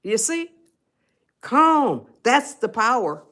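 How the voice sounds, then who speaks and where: A woman's voice: on the low side, lively intonation, unhurried, fairly bright tone. A woman author giving a live-stream talk on parenting, emphatic and repetitive and often checking in with her viewers. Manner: speaks directly to viewers as a group.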